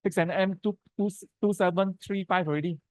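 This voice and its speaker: A man with a Malaysian accent lectures architects informally and colloquially, in short, punchy phrases capped with particles. His slightly high, a little mellow voice keeps fairly even intonation at a brisk pace. The recording is fairly dry, with no echo.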